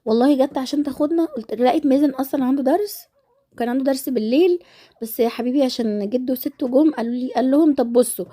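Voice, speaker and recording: Casting: female vlogger, Egyptian Arabic accent, blocked-nose nasal sound, fairly high and mellow, rambling casually to followers. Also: rapid-fire. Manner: rambling, familiar address to followers. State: stuffed-up nose and throat. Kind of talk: casual chatty vlog voice-over.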